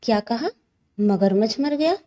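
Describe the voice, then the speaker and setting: A woman's voice: on the high side, animated, unhurried, dark tone, muffled recording. A woman voicing a clever, wary male jackal in a storybook lesson, who mutters cautiously to himself and questions the others. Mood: questioning.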